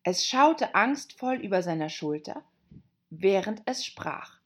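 A woman reading a storybook aloud as an audiobook narrator, in a lively, expressive way. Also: medium pitch, takes it slowly, breathy edge.

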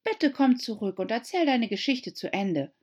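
A woman voicing a curious, polite young girl in an audiobook, speaking high and eagerly. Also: big pitch swings, a little slow, a little mellow, slightly rough, dull audio, exaggerated voice.

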